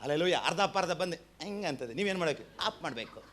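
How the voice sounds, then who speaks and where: Animated Kannada-accented male preacher. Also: fairly high pitch, quick pace. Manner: animated preaching with call-and-response. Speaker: pastor. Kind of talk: sermon.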